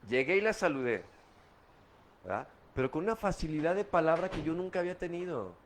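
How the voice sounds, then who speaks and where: A fairly quick, expressive male voice on the high side comes through with slight background noise. He's a middle-aged Guadalajara man with a Mexican Spanish accent, appearing as a guest to give a blunt, profane testimony of his past drinking in street slang.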